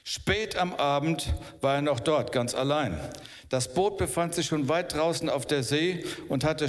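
A man preaching a sermon at a church service, talking conversationally and checking in with "okay?" and "ja?". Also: fairly high pitch. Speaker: pastor. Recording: long reverb of a church hall.

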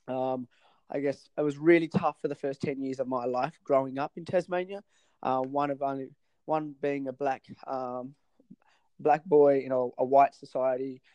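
Halting man with a dry sound. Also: mid-range voice, dark tone, dry recording, poor audio. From Sri Lanka. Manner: halting, many fillers and restarts. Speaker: podcast guest. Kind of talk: casual interview chat.

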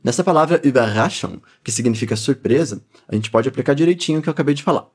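A man with a Brazilian Portuguese accent leading a pronunciation lesson, encouraging learners and modelling words slowly for them to repeat. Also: medium pitch, expressive, husky. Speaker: language teacher.

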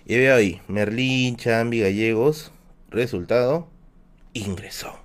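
A man's voice: mid-range voice, slow pace. A man with a Peruvian Spanish accent, casually telling a personal anecdote on his live stream, full of slang and fillers. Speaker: livestream host.

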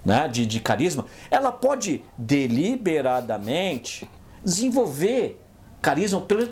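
Um homem apresentando um podcast numa conversa descontraída, que repete palavras e pergunta "você entendeu?" o tempo todo. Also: male voice, on the high side, slow. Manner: animated, repeats words often, checks in with "você entendeu?". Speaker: podcast co-host. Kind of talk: casual chat.

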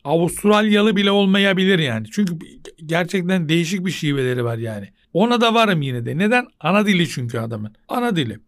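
A man's voice: high voice, dry recording, clean studio sound. A man hosting a podcast on his own, giving casual advice. He asks himself questions, answers them, and repeats his key points. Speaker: podcast host and translator.

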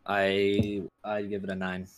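A man's voice: fairly low pitch, completely flat delivery, slow. A man co-hosting a podcast, chatting enthusiastically about an album and swearing casually. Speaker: podcast co-host. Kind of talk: casual chat reviewing an album.

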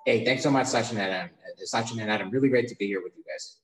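Calling in remotely from abroad, a young American startup founder talks about his company as a podcast guest in a casual interview. He races along in a mid-range voice, repeating words and restarting sentences as he thinks, over poor audio with a little hiss or hum.

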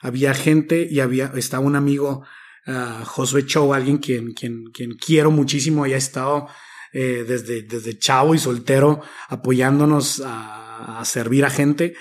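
A man's voice: medium pitch, steady tone, measured pace. A man, reflectively recounting a personal story with casual slang as an interview guest. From Mexico. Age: 30s. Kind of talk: personal testimony in conversation.

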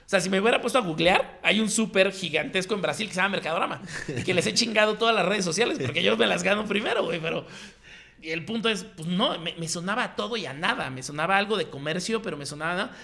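Mexican man, 30s, fast gravelly storyteller, slangy chat. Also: sits high. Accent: Mexican Spanish. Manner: slangy, animated, acts out quoted voices. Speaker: guest telling his story.

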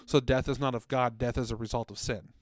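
A former children's ministry worker, now a podcast co-host, tells a story for a faith show in an earnest, conversational way, voicing the quotes. His mid-range voice is fairly quick and fairly even, and the room sounds dry and close, without echo.

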